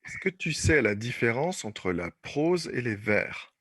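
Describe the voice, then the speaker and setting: A man's voice: medium pitch, big pitch swings, unhurried, a bit bright, slight background noise. A man teaching an online class, explaining patiently and repeating points with many fillers. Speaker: French teacher.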